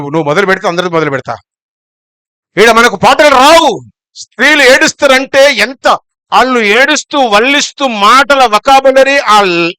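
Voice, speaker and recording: A middle-aged male pastor, preaching bluntly and scolding, swinging between loud calls and low asides. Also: clear, resonant tone, no room sound. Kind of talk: sermon.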